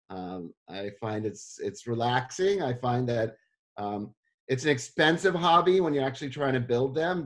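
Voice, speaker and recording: A middle-aged man from South Africa, talking casually in an interview, relaxed and self-deprecating with many fillers. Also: medium pitch. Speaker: history professor interviewed.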